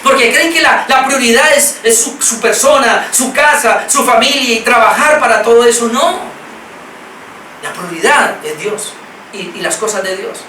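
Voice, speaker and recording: A man's voice: extremely high pitch, moderate pace, sharp tone, slight background noise. A Colombian man preaching a sermon as pastor, earnest and repetitive, reading scripture aloud and stressing key words. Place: church hall. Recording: echoey hall, mic at a distance.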